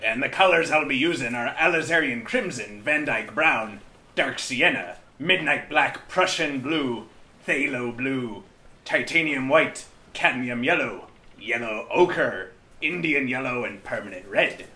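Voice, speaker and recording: Male host, slow and sharp-toned, hamming up pirate speak for comedy; echoey room, mic set back. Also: medium pitch, expressive. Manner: hammy pirate talk throughout. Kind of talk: comedic drinking and painting show. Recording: roomy echo, mic at a distance.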